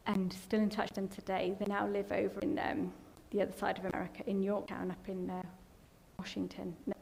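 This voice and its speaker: A woman's voice: mid-range voice, completely flat delivery, a little fast, creaky, a little mellow. English woman sharing a tearful testimony. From England. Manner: emotional, tearful at times, rambling storytelling. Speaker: church member giving testimony. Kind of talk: personal testimony. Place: church hall. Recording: long hall reverb, faint background noise.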